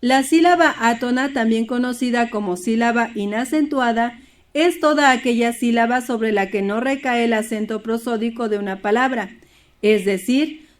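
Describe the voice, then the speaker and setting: A woman's voice: a little high, normal speed. A woman teaching a primary school Spanish lesson, explaining steadily and reading poems and word examples aloud.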